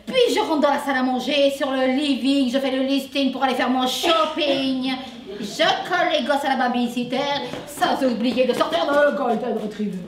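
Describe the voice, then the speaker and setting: Give me a high-voiced woman telling a folksy comic story, recorded from afar with faint noise. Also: moderate pace. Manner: chatty, folksy. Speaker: sketch performer. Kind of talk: comic stage monologue. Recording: echoey room from far off, faint noise.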